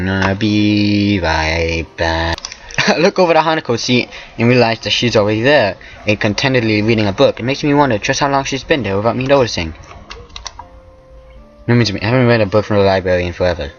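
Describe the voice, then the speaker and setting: A man's voice: on the low side, muffled recording. A man reading a visual novel aloud for a let's play, stumbling over words and tossing in joking asides. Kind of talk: casual let's play narration.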